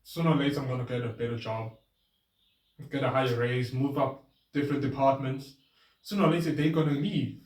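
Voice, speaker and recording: Male vlogger, mid pitch, loose reflective monologue, picked up by a distant camera in an echoey space. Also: steady tone, brisk. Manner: rambling, earnest, voice shifting between registers. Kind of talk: casual self-reflective monologue. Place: outdoors with his bike. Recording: roomy, distant camera sound.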